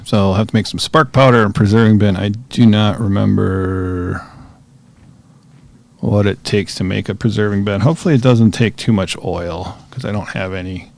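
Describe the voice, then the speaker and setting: A man giving relaxed, chatty commentary while he plays a survival game, talking to himself as he goes. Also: fairly low pitch, normal speed, gravelly. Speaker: gaming streamer. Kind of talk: casual gameplay commentary.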